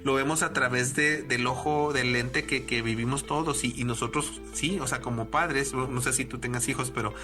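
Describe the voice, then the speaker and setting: A man's voice: mid-range voice, steady tone, normal speed, hardly any pauses, over music. A middle-aged man co-hosting a casual film discussion podcast, rambling with frequent restarts. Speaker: podcast co-host.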